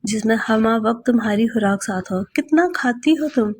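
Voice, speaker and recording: A woman's voice: on the high side, normal speed, darkish tone, slightly rough. A woman reading the lines of a chatty young woman who teases her friends, in a storybook. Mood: teasing. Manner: teasing, chatty.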